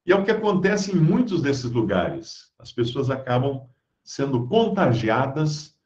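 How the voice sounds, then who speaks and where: A man's voice: medium pitch, sing-song, a little slow, a little mellow. A man giving conversational Bible teaching, reading scripture aloud and explaining it with everyday stories. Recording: roomy, dull lo-fi sound.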